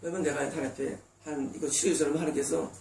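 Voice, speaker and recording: Pastor guy preaching, kinda high voice, acts out little quotes, faint room hum behind. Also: steady tone, racing, creaky, darkish tone. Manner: emphatic preaching, voicing God and congregants in quoted asides. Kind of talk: sermon. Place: church sanctuary. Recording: roomy distant church recording.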